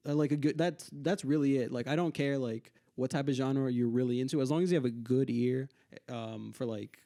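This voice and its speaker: A man in his twenties from Hong Kong, a musician guest speaking in relaxed, hesitant casual chat. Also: medium pitch, a little fast. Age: 20s. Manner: relaxed, hesitant, many fillers and murmured agreement.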